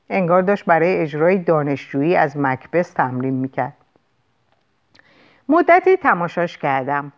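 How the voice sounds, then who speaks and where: A woman narrating a novel as an audiobook in an expressive, lively storytelling manner. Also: deep voice.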